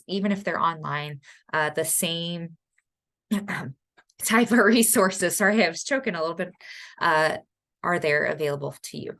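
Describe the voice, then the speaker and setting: Low-voiced woman teaching statistics online. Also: fairly bright tone. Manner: chatty, self-correcting, many ums. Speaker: college statistics instructor. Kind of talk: online lecture.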